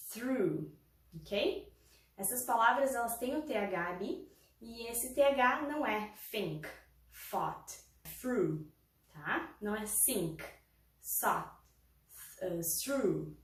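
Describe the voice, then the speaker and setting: Woman teacher, patient drills, voice heard from across an echoey room. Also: medium pitch. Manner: patient, explains with repeated examples and frequent "tá?" check-ins. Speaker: English teacher. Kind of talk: pronunciation lesson. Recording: roomy, from a distance.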